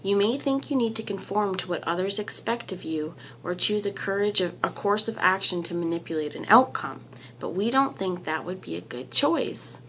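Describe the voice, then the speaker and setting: A woman giving a channelled tarot reading in a gentle, encouraging, rambling way, losing her voice. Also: medium pitch, lively intonation, moderate pace, slight background noise, low-quality recording. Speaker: tarot reader.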